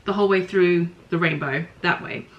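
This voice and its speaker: A podcast host with a lowish voice talks at normal speed over dull-sounding audio. Chatty and musing, she ponders her crafts in a casual chat about knitting and spinning, thinking aloud with small apologies.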